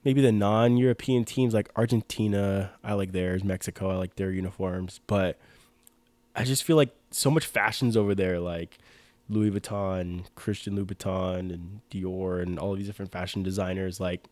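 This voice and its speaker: A young man co-hosts a podcast, chatting casually and eagerly about sports uniforms, full of "like" fillers and restarts. His deep voice has fairly even intonation and a slightly mellow quality at a normal speed, in a dry recording.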